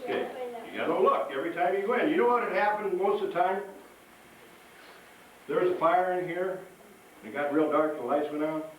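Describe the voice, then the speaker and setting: A man in the role of a firefighter leads an interactive safety session for schoolchildren, keeping it folksy and instructive and often asking how they're doing. His voice sits high, and he talks fairly quickly but pauses often. Recorded from a distance in a big, very echoey room with an audience, there's a faint background noise.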